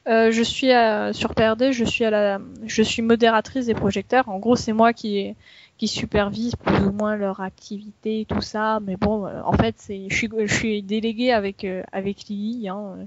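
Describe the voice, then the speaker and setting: A woman's voice: mid-range voice, little pitch movement, normal speed. A woman in her twenties, a forum moderator, introducing herself hesitantly and playing mock-offended. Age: 20s. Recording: dry, dull lo-fi audio.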